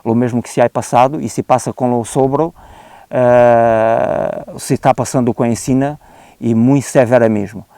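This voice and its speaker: A man's voice: medium pitch, fairly even intonation, moderate pace, warm tone, clean tone, dry recording. A man from Portugal with a European Portuguese accent, giving an unscripted explanatory talk on a country estate, hesitant, with frequent "eh" fillers and restarts, and slipping Spanish words into his speech. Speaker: guest expert on oak disease.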